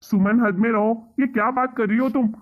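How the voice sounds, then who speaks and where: A man's voice: extremely high pitch, steady tone, brisk. A man voicing a husband who pleads with his wife and reproaches her, in a cartoon story. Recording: tinny phone-like sound.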